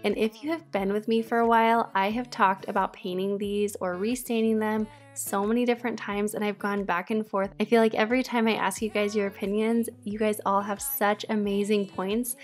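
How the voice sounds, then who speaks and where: A woman's voice: mid-range voice, fairly even intonation, fairly quick, hardly any pauses. A woman, chatting casually in voice-over about cleaning her home and asking viewers for advice. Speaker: cleaning vlogger. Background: faint background music.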